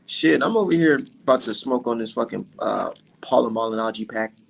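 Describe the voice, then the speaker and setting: A man's voice: medium pitch, moderate pace, vocal fry, slight background noise. A man in his twenties hosting a casual podcast chat, brash and cussing, getting fired up. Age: 20s. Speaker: podcast host.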